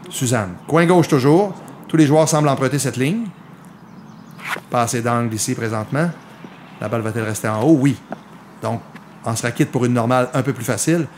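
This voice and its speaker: A man's voice: medium pitch, a little mellow, a little hiss or hum. A man with a Quebec French accent giving live golf commentary on a mini-golf match, explaining the play to viewers.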